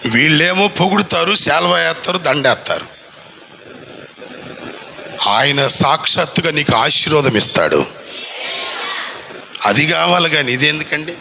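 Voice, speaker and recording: A male pastor preaching a sermon at a church anniversary, with fervent repeated rhetorical questions and long drawn-out lines. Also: a little high, animated, vocal fry, bright, forceful tone, a little hiss or hum, low-quality recording. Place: church anniversary gathering in a village.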